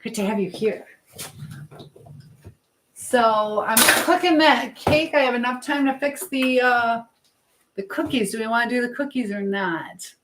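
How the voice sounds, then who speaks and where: A middle-aged American woman from Michigan hosts a livestream, her fairly high voice a little slow and full of pauses over heavy background noise. She chats casually, reading and answering comments encouragingly. She's chatty and jumps from one topic to the next mid-thought.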